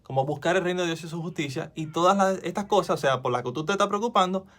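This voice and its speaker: A man's voice: high voice, fast talker, a bit bright. A man hosting a devotional video, recorded on his phone, talking earnestly and conversationally to viewers and asking them questions. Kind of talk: informal devotional teaching to camera.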